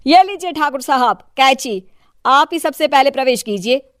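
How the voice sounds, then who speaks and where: An eager, fawning townsman from a cartoon moral tale played by a woman. The voice is high and sharp, with a dry, close sound, always deferential. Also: animated, moderate pace, no echo. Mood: welcoming. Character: deferential, flattering townsman seeking favours. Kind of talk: cartoon moral-story acting.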